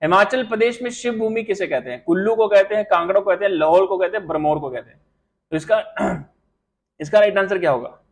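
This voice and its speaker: This exam coach's voice sits high, and the recording is rough, marred by live stream mic glitches. In rapid quiz-master style he rattles off questions during a live online class, praising and teasing students by name.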